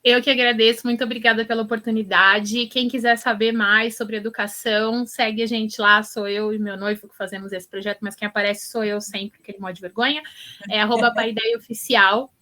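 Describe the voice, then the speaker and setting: Animated woman teacher. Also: on the high side, brisk. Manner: animated storytelling, encouraging. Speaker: teacher and education influencer guest. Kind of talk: interview answers.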